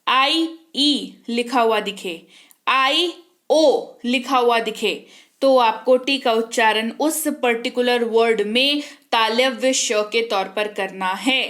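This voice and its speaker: A young woman runs an English pronunciation lesson in a high, clear voice. She spells each word out letter by letter, then quizzes her class and answers the question herself. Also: slow, fairly bright tone. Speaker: English teacher.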